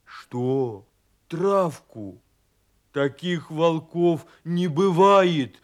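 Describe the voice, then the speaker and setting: Man doing a bear cub, storybook, scared, blustering, shouty, slow delivery. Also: fairly high pitch, lively intonation. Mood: scared, shouting. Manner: shouty, defensive. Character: frightened little male bear cub, blustering. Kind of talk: storybook reading.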